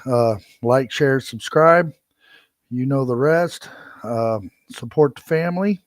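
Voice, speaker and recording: A man's voice: medium pitch, slow, no room sound, clean studio sound. A middle-aged man hosting a podcast, ranting angrily, swearing and repeating himself. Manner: profane, heated and repetitive. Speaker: podcast host. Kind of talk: angry solo rant.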